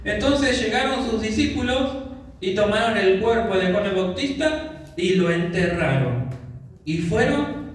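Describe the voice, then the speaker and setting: A man's voice: high-pitched, animated, measured pace. A man preaching in church, reading scripture aloud and repeating passages and directions for the congregation. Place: church hall. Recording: echoey church hall, mic far off.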